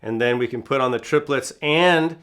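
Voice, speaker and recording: A man's voice: medium pitch, normal speed, background noise. A man teaching a drum lesson in a casual, explanatory way, thinking aloud with fillers. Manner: speaks rhythms aloud in syllables between explanations.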